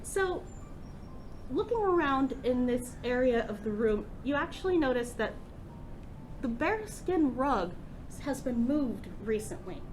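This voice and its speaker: A woman's voice: sits high, very animated, unhurried, a little mellow, soft background music. A woman narrating a tabletop game casually as its game master.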